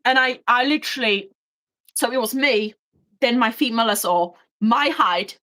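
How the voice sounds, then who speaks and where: A woman, a former prison officer, tells workplace stories in a blunt, animated way and swears freely. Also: a little high, moderate pace. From United Kingdom. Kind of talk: casual storytelling chat.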